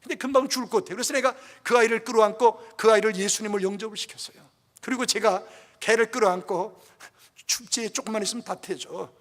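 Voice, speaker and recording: A man's voice: sits high, fairly even intonation, fast talker, fairly bright tone. Older male pastor preaching in a hall. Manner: passionate, emotional storytelling. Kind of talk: sermon. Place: church. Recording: reverberant church hall.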